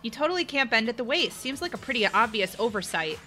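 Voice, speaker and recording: Bright, animated woman reacting to a game. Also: fairly high pitch, fast talker, soft background music. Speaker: let's player. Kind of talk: casual gameplay commentary.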